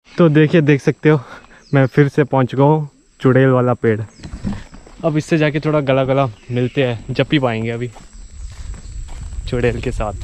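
A man's voice: mid-range voice, a little hiss or hum. A man vlogging casually outdoors, talking straight to his viewers with a teasing, chatty manner. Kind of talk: casual travel vlog narration. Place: outdoors on a muddy forest road.

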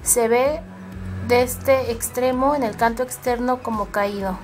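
Mexican woman, makeup tutorial host, fairly high voice, chatty, soft music behind. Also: fairly even intonation, measured pace. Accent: Mexican Spanish. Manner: chatty, addresses viewers as girls.

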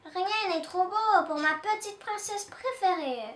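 Woman reading a doting grandpa, gentle, affectionate, high voice, echoey room. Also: measured pace, slight background noise. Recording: roomy echo, distant mic.

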